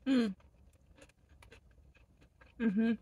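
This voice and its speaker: Higher-pitched young woman chatting while chewing. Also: steady tone, very slow, mellow, slightly rough, highs cut off. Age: young adult. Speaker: food vlogger. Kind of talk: casual eat-with-me food review chat. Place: inside a parked car. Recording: noticeable background noise in car.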